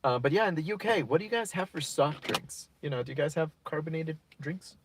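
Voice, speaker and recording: A man's voice: on the high side, a little fast, background noise. A man hosting a casual livestream, chatting and reacting to comments in a rambling, goofy way. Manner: rambling, goofy, improvises silly rhymes. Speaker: livestream host.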